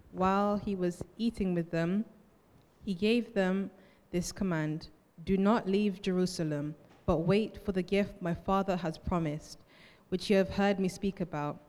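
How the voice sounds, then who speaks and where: A woman reading aloud from the Bible to a church, a little halting as she corrects herself. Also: mid-range voice, a little mellow. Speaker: scripture reader in church. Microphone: handheld microphone held close. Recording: echoey hall with long reverb.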